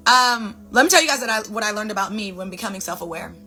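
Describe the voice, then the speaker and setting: Animated and quick, a wellness vlogger with a bright, forceful medium-pitched voice gives viewers a casual motivational talk to camera. She repeats phrases for emphasis and addresses them as "baby" and "you guys," with faint music behind her.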